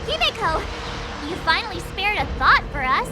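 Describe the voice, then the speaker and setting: An extremely high-pitched young girl adventurer in an anime game dub. She is excitable and exclaims everything in an overacted way. Loud music plays behind her. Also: normal speed. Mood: excited.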